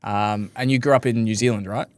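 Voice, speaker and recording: A man hosting a podcast interview, relaxed and chatty, dropping lots of "yeah" and "you know". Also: fairly low pitch, a little fast, dry recording. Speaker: podcast host. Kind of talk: casual interview chat.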